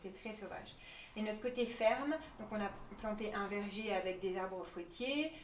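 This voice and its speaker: Female presenter, informal and conversational, medium pitch; reverberant room with faint noise. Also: moderate pace. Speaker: project presenter. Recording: echoey room, distant mic, faint noise.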